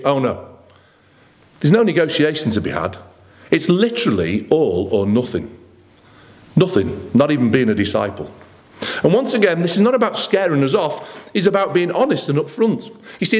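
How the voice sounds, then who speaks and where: Middle-aged man, sermon at a lectern mic; emphatic, swooping delivery. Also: a little high. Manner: earnest, emphatic preaching with rhetorical questions and lively pauses. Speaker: pastor. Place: church hall with red curtains. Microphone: lectern microphone.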